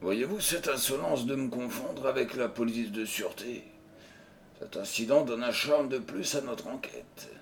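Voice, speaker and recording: A man's voice: mid-range voice, normal speed, slight background noise, lightly acted. A man voicing an unruffled, ironic detective in an audiobook, speaking in a honeyed, mocking tone. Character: calm, ironic male detective. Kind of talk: audiobook character reading.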